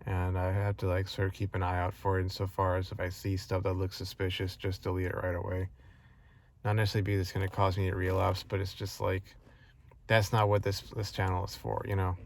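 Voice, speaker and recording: Deep flat voice guy venting on his vlog, lots of um and you know, frustrated. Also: fairly quick, creaky. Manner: rambling, many fillers and restarts; frustrated, earnest. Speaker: vlogger. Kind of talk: casual personal vlog monologue.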